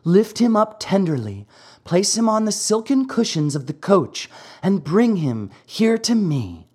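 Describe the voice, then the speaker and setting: Storybook fairy, ancient but sweet, high and lilting, read by the narrator. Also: very animated, unhurried, a little mellow, breathy edge. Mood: gentle, commanding. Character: kind thousand-year-old fairy, gentle and commanding.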